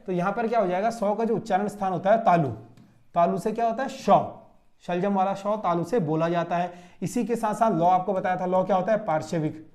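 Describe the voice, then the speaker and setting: High-voiced exam coach drilling answers. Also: male voice, fairly even intonation, brisk, darkish tone. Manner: repetitive drilling, rhetorical questions answered himself. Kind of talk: classroom exam-solution lecture. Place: classroom standing at a board.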